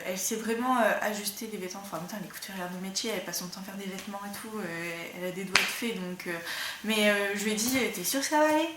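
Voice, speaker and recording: A woman hosting a knitting and sewing podcast in a casual, rambling chat, slightly hoarse as she loses her voice. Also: medium pitch, a bit bright. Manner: chatty, rambling, many fillers. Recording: roomy room with faint background noise.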